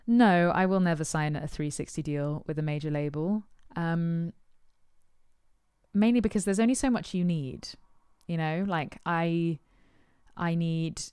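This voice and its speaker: A woman's voice: on the low side, unhurried, darkish tone, clean tone, dry recording, clean studio sound. A woman musician answering her supporters' questions in casual chat, thoughtful and hesitant with many ums and uhs.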